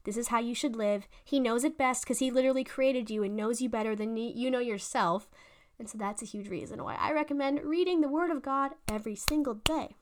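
A young woman hosting a faith podcast, talking in a fast, excited, gushing way. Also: fairly high pitch. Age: young adult. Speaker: podcast host. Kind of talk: casual faith podcast monologue.

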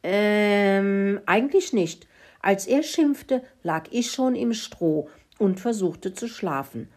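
A woman voicing a grumpy, sleepy male pig in a children's story who bellows and whines, husky voice. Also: medium pitch, expressive, slow, a little mellow, voice pushed up. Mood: sheepish. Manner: bellowing, whiny.

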